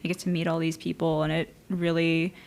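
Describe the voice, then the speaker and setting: A guest from Vancouver giving thoughtful, measured answers in a casual interview. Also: medium pitch, level tone, gravelly, slight background noise. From Vancouver, Canada. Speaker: guest artist.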